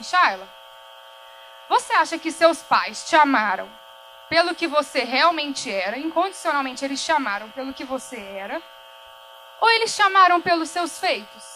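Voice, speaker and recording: A woman's voice: high-pitched, sharp tone, a little hiss or hum, low-quality recording. A young Brazilian woman speaking at a workshop, telling a personal story in an earnest way, correcting herself as she goes and acting out quoted dialogue. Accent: Brazilian Portuguese. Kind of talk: personal testimony talk. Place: event hall.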